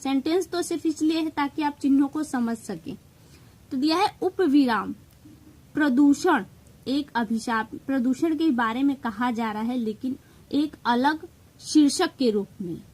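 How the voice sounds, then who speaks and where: A woman's voice: high voice, normal speed, a little mellow, low-quality recording. A woman teacher with a Hindi accent giving an exam-prep grammar lesson, explaining step by step, stressing key terms and mixing in English words.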